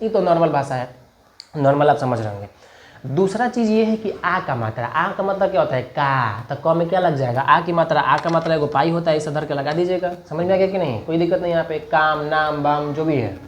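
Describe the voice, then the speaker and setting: A man teaching a spoken lesson, chatty, often checking whether learners follow and repeating example words slowly to show their sounds. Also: on the high side, a little hiss or hum. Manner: chatty, keeps asking learners if they understand. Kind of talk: spoken Hindi writing lesson.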